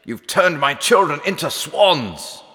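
The betrayed king in a children's audio fairy tale, thundering commands in a hard bright voice across a reverberant stone hall. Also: sits low, expressive, unhurried. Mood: furious. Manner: forceful, commanding, accusing. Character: angry, grieving legendary king confronting his wicked queen. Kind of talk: dramatised children's storybook acting.

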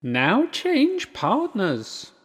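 A man's voice: sits high, huge pitch swings, very slow, slightly rough, big-room sound, pitched above the performer's own voice, heavily acted. A man doing a clever little monkey girl. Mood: coaxing. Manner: sweet, coaxing.

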